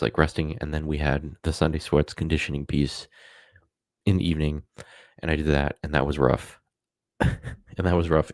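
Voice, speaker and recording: Casual streamer, male, rumbling deep voice, loose and rambling, dry close mic. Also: darkish tone, no echo. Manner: rambling, many fillers and self-corrections. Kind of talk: casual live-stream talk.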